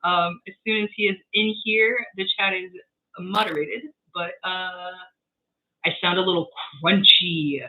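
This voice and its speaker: Bitcrushed crunchy audio, webcam mic, tinny phone-like sound, sore throat, halting casual stream talk. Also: mid-range voice, steady tone. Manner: hesitant, lots of fillers, troubleshooting aloud. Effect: crunchy, bitcrushed digital audio. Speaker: streamer hosting a live Q&A. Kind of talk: casual livestream chat. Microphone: built-in webcam microphone.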